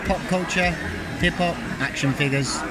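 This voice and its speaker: A man's voice: fairly high pitch, normal speed, rough recording. A man interviewed at a convention, listing his work in a matter-of-fact way. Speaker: toy maker. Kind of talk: casual interview. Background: background music.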